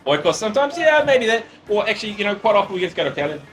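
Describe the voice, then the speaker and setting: A blunt New Zealand man in his fifties, talking quickly as a guest in a relaxed interview. His voice sits a touch high, and he often restarts his sentences. Music plays clearly behind him. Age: 50s. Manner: brisk, blunt, frequent restarts. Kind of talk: casual interview chat.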